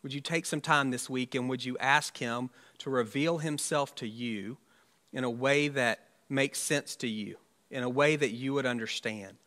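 Bright-voiced man preaching conversationally. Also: medium pitch, normal speed. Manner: conversational, wry asides, many restarts. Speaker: pastor. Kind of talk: sermon. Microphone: church livestream mic.

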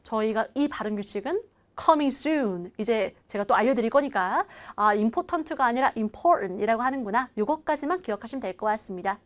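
Bright-voiced lady english teacher, pretty high and bouncy, drawls out phrases so you can copy them. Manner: lively, slows right down to model English phrases; coaching viewers to repeat after her. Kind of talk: online language lesson.

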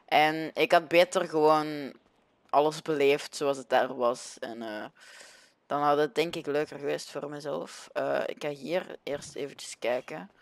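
A man's voice: on the high side, unhurried, vocal fry, no echo. A young man with a Flemish accent giving casual, hesitant commentary over a video game, often searching for his words. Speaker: gaming video host.

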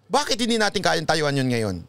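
This Filipino pastor from the Philippines has a fairly high, creaky but clean voice that swings widely in pitch and moves a little fast. He delivers emphatic, preachy talk-show commentary in a Filipino accent, ending lines with "ha?". The recording is dry, with loud music playing behind him.

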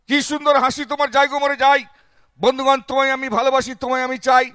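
A pompous male politician at a rally, declaiming a speech in a raised, very high, ringing voice, as a comedian puts him on. He keeps calling out to the crowd as his friends. The sound is close and dry. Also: flat delivery, quick pace, pushed and bright, clean tone, no echo. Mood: grandiose. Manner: declaiming, repeating "friends" as a refrain. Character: bombastic male politician giving a campaign speech.

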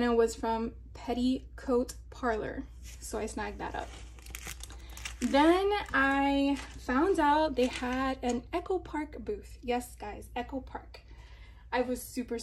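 A craft vlogger from Florida sits indoors at a table for a casual haul video, chatting with fillers and little laughs as she shows off craft supplies. Her voice is on the high side and she takes it slowly, with a little hiss or hum in the recording.

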